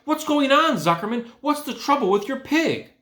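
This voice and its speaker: A man's voice: very high voice, lively intonation, a bit bright, pitched above the performer's own voice. A man voicing a pompous fair announcer in a storybook, formal and declamatory. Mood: urgent. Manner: declamatory, drawn-out formal delivery. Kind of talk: storybook character voice. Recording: echoey room.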